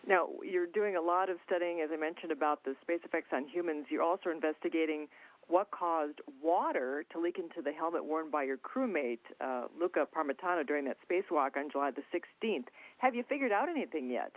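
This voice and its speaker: A radio interviewer asking friendly, curious questions over a phone link. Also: male voice, a little high, a little fast, no room sound. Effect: phone line. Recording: tinny phone line.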